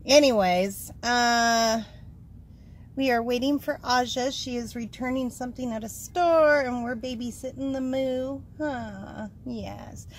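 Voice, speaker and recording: A woman's voice: fairly high pitch, takes it slowly. A woman hosting a casual travel vlog, chatty, filming herself on a handheld phone. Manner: chatty, coos at the dog. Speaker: vlog host. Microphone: handheld phone camera. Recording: noisy phone recording.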